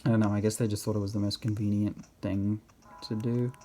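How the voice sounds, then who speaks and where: A man's voice: fairly low pitch, flat delivery, a little fast, dark tone, a little hiss or hum. A man giving casual, rambling game commentary, thinking aloud and often questioning himself in a hesitant way. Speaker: gamer narrating own gameplay.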